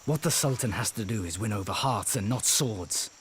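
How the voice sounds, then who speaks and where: An actor dubbing a grave, principled young prince in a historical drama. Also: male voice, on the low side, animated, noisy background, close to an everyday voice. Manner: grave, measured. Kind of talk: English dub of a historical drama.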